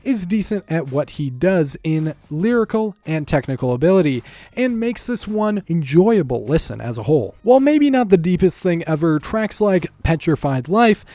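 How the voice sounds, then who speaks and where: A man narrates a music review from a script, wry and opinionated. His voice sits a bit high for a man and swings around a lot. The tone is warm and dark, and the sound is dry and close. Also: big pitch swings, normal speed, no echo.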